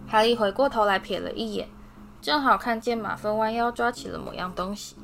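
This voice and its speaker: A woman narrating a fantasy novel as an audiobook reader, in a steady, expressive reading voice. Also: a little high, brisk, creaky, slight background noise. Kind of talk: storybook narration.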